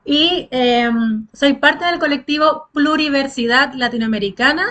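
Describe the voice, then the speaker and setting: A woman's voice: high-pitched, measured pace, sharp tone. A woman from Cuba, co-moderating an online talk over a video call, speaking in a chatty way with many fillers. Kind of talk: casual online welcome.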